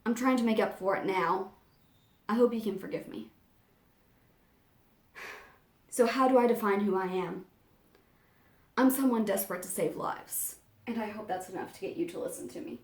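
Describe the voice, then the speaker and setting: A woman's voice: mid-range voice, moderate pace, pauses often, close to an everyday voice. A woman acting an anxious young woman confiding, echoey. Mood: earnest, pleading. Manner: confiding, conversational, theatrical. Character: anxious young woman with memory gaps, confessing urgently. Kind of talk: dramatic first-person monologue reading. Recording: echoey room.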